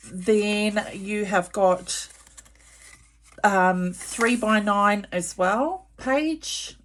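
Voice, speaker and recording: A woman's voice: medium pitch, slight background noise. A woman hosting a casual craft tutorial in a chesty, congested voice, chatting informally and apologetically as she explains things to viewers. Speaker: craft channel host.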